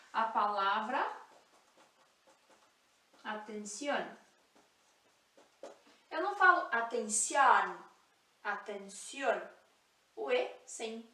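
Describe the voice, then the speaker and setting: A woman teaching a language lesson, speaking slowly and clearly, repeating example words and spelling out sounds. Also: a little high, pushed and bright, reverberant, far from the mic. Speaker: Spanish teacher.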